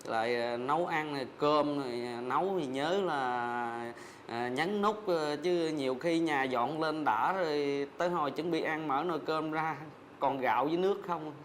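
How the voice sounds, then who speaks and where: Hesitant man full of pauses. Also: on the high side, slight background noise. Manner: hesitant, halting with many fillers. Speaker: son and husband guest. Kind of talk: casual talk show chat.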